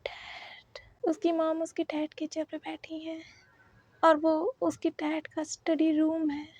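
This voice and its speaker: A woman reading a fan fiction story aloud in a steady storytelling voice. Her pitch sits very high, with a mellow tone. The recording is dry and close. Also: takes it slowly, dry recording, dull audio. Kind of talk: scripted story narration.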